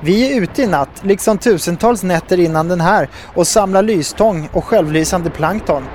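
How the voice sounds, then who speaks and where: A man's voice: high voice, a little mellow, a little hiss or hum, close to an everyday voice. A man voicing a friendly old bearded fisherman who greets visitors heartily. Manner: hearty, hesitant.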